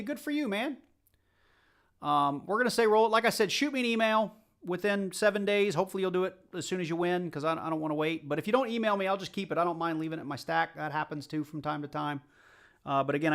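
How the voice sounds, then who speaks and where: Talking casually to his livestream viewers while hunting coins, this host has a light Southern US accent. His voice is fairly high and a bit bright, and his manner is chatty and rambling as he speaks to the chat.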